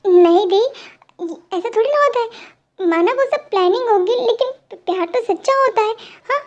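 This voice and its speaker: A woman's voice: extremely high pitch, moderate pace, highs cut off. A young woman voicing a caring younger brother who coaxes his sister in a worried way. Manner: coaxing, worried. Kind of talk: dramatic fan-dub voice acting.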